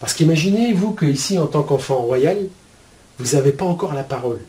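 A man teaching spiritual ideas to his viewers in a casual, colloquial way, with a steady stream of "hein" and "euh". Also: on the high side, a little fast. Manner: chatty, explains with homely metaphors.

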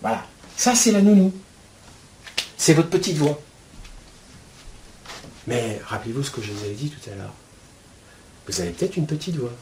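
A man teaching spiritual ideas to his viewers in a casual, colloquial way, with a steady stream of "hein" and "euh". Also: fairly high pitch, moderate pace, pauses often, slight background noise. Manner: chatty, explains with homely metaphors.

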